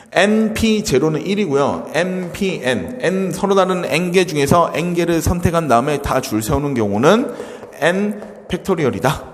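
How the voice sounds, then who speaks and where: A man teaching a high school math lesson in a lively way, asking and answering his own questions as he goes. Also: in a large hall. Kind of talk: classroom math lecture.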